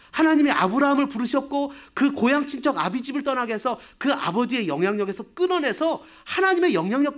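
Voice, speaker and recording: A man in his fifties, a pastor, preaching a sermon with rhetorical questions and humorous asides. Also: extremely high pitch. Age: 50s.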